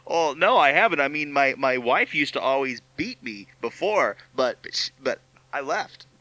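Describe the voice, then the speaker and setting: A man's voice: medium pitch, animated, moderate pace, sharp tone, dry recording, muffled recording. A man playing a panicky, hapless cartoonist in a spoof commercial, stammering and whiny. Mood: flustered. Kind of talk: comedy sketch spoof commercial.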